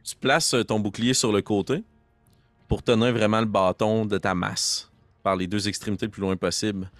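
A man's voice: on the low side, steady tone, moderate pace, no echo. A young man narrating a tabletop game as game master, with vivid storytelling and sound effects.

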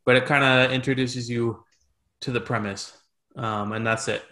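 A man hosting a casual podcast chat, relaxed and trailing off into mumbled asides. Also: mid-range voice, moderate pace. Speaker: podcast host.

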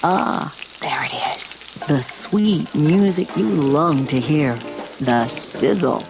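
A woman narrating a commercial in a sultry, savoring, drawn-out manner. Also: sits low, poor audio. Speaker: advertisement voice-over. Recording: studio voice over clear background music. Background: music.

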